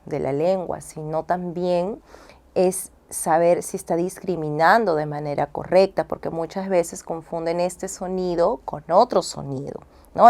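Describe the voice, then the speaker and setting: A woman's voice: on the low side, warm tone. A woman speech and language therapist explains things to a listener in a patient, teacherly way. She keeps checking in with short tag questions. Now and then she sounds out syllable drills the way she would with a child. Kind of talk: explaining as an interview guest.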